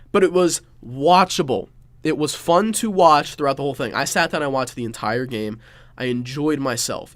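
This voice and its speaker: A man's voice: mid-range voice, no room sound. A young man with a stuffed-up, nasal voice, hosting a casual solo sports podcast in a rambling, jokey way. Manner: rambling, jokey, self-mocking asides. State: stuffed-up nose, congested. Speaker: podcast host.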